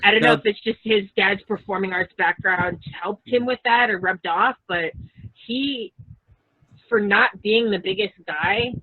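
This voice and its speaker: A woman's voice: medium pitch, a little slow, slightly rough, no room sound. A woman guest in a casual podcast chat, talking things through in a chatty, thinking-aloud way. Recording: tinny dry phone-like line.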